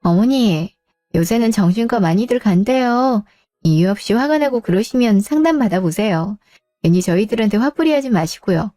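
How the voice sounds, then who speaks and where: A woman's voice: mid-range voice, animated, normal speed, mellow, no echo, studio quality, faint music behind, lightly acted. A woman voicing a young schoolteacher daughter-in-law in a radio drama who sounds polite on the surface but needles. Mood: needling.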